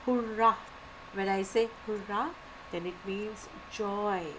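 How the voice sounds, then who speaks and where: A woman giving a live online lecture, animated, repeating key words and asking and answering her own questions. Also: medium pitch, takes it slowly, a little hiss or hum, poor audio. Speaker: teacher.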